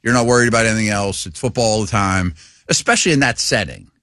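A middle-aged man co-hosting a casual sports radio show, an animated storyteller who laughs at himself. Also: fairly low pitch, quick pace, no echo, clean studio sound. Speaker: radio co-host.

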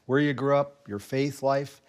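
A man's voice: mid-range voice, measured pace, no echo. A middle-aged man hosting a religious talk show, delivering a polished, earnest introduction and then chatting with his guest. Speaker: host. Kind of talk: scripted show introduction and interview. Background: background music.

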